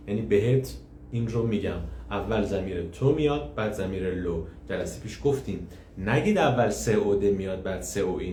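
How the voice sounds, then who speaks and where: A man's voice: on the low side, a little mellow. A man teaching French in a live online class, patiently explaining and repeating each phrase. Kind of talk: live online language lesson. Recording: echoey room, faint hiss.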